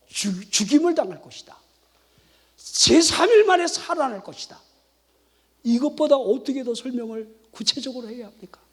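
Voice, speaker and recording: Husky, high-voiced male pastor preaching. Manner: animated, exhorting with rhetorical questions; leads congregation in call-and-response shouts. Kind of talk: sermon. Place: church, night worship service.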